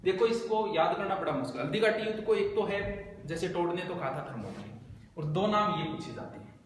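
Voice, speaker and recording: A man giving a brisk exam coaching lesson, explaining memory tricks and repeating the key points. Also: high voice, animated. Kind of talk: quick spoken geography lesson with memory tricks. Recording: very echoey, noisy room.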